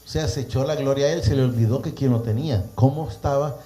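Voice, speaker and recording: A man preaching a sermon, reading scripture aloud and often clearing his throat. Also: mid-range voice, fast talker, warm tone.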